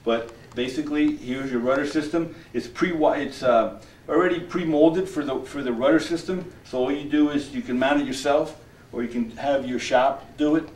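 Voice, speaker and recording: A man's voice: mid-range voice, normal speed, darkish tone. A middle-aged man explaining kayak features in a casual product demonstration, with frequent fillers and restarts, in a large shop. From New Jersey. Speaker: kayak fishing presenter. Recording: roomy shop echo, faint noise.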